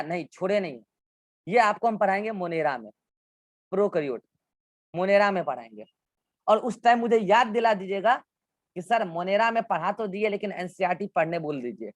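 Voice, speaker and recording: A man's voice: high-pitched, no echo. A male biology teacher giving an online class in with English science terms, walking students through textbook diagrams and repeating instructions.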